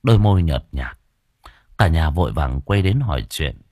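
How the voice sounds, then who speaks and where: Expressive male storyteller with a husky voice. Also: very deep voice, normal speed, no echo, studio quality. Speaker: audiobook narrator. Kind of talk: scripted story narration.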